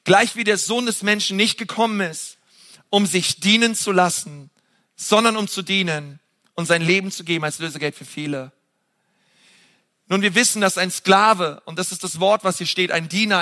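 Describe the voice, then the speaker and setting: Bright high-voiced man preaching. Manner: animated, rising in pitch for emphasis, with fillers. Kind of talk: sermon.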